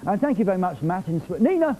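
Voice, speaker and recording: A man's voice: high-pitched, big pitch swings, fast talker, warm tone. A man hosting a live television music show from a studio, reading viewer messages in a jokey, teasing, playful way.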